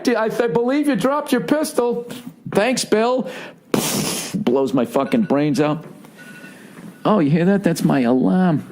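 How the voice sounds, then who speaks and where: A man's voice: medium pitch, a little mellow. A man who is a comedian, telling stories in a rambling, profane podcast monologue and often checking in with the listener.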